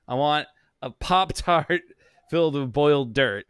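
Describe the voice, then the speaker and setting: A man's voice: a little high, lively intonation, takes it slowly, fairly bright tone, clear, resonant tone, no echo, studio quality. A man co-hosting a casual comedy podcast, rambling and swearing, often breaking into laughter. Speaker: podcast co-host.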